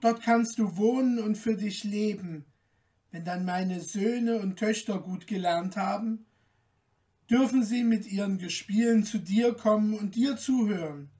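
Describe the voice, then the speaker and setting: A kindly, fatherly storybook man speaks calmly and gently, as a woman narrator reads him. The delivery is slow and unhurried, with the microphone set well back. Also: medium pitch, distant mic, close to an everyday voice. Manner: calm, warm-hearted, unhurried.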